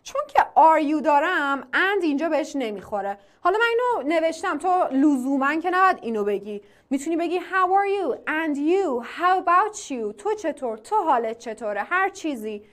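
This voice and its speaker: High-voiced woman teaching English. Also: sing-song. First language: Persian. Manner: drills English phrases slowly, repeating them; asks the class questions and answers them herself. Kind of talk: online language class.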